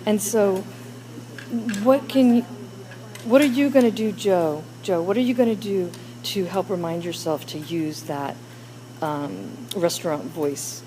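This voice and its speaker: A woman's voice: fairly low pitch, unhurried, warm tone, rough recording. A woman teacher leading a classroom discussion with children, coaxing them with question after question.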